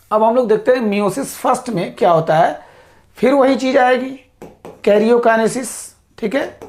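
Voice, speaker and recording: A woman's voice: mid-range voice, a little mellow. Woman teaching a biology lecture. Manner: repeats "ठीक है" to check understanding, drills terms slowly; addresses students as "साथियों". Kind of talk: whiteboard lecture.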